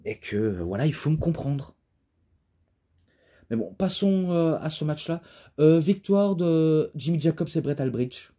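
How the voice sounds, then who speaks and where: This young man's wrestling DVD review is casual and wandering, full of fillers and restarted sentences. He sounds animated at a measured pace, with a fairly high-pitched voice that is mellow and a little husky.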